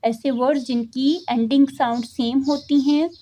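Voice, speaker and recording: A woman's voice: high-pitched, steady tone, warm tone, a little hiss or hum. A woman teacher with a Pakistani accent, reading a textbook lesson line by line and explaining each part. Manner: reads English lines slowly and deliberately, then explains quickly.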